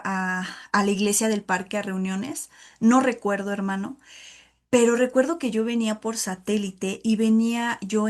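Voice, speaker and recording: A woman giving an informal, emotional sermon to a women's Bible study, calling her listeners "hermano" as she tells a personal testimony. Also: fairly high pitch. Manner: addresses listeners as "hermano" often, emotional and earnest.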